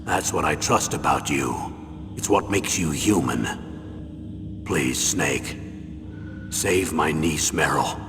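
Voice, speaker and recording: A man's voice: extremely low pitch, animated, takes it slowly, pauses often, heavily acted. A man voicing a grave, earnest retired colonel giving a commanding mission briefing in a video game. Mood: pleading, solemn. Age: older. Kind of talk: dramatic video game voice acting. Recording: long hall reverb, music behind.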